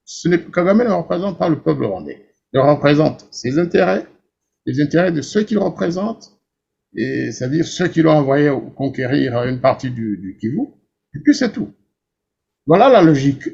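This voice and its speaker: A man's voice: fairly high pitch, animated, moderate pace, vocal fry, a little mellow, slightly rough, lo-fi sound. A man hosting a political talk show, explaining his view to a guest in a firm, assertive way. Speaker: radio host.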